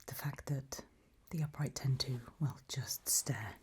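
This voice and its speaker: A woman voicing a gentle, eerie undead guide in a whispered role-play, slow and patient, with a breathy, husky whisper as she softly gives instructions. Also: rumbling low, exaggerated voice. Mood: patient, coaxing.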